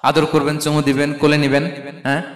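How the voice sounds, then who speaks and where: A man's voice: a little high, completely flat delivery, a little fast. A man preaching a sermon with passion, calling out questions to his listeners. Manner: impassioned, calls out questions to the crowd. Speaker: Islamic preacher. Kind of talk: Bengali waz sermon. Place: large stage event hall. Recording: echoey hall with long reverb.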